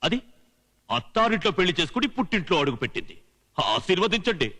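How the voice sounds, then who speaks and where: A man's voice: high-pitched, very animated, quick pace, pushed and bright, heavily acted. An actor playing an outraged father who sarcastically scolds his eloped daughter and her new husband in a comedy film scene. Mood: indignant.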